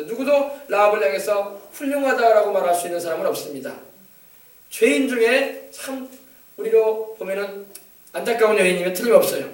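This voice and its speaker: A man's voice: sits high, reverberant, far from the mic. A man preaching a sermon as pastor, often calling out hallelujah and acting out quoted dialogue. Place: church sanctuary.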